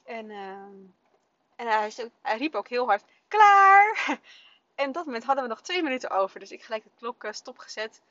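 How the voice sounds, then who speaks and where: A woman in her thirties with a high-ish voice talks quickly as she tells a story on her parenting podcast. It's a casual, chatty monologue packed with fillers, recorded dry and lo-fi with a dull sound and no echo.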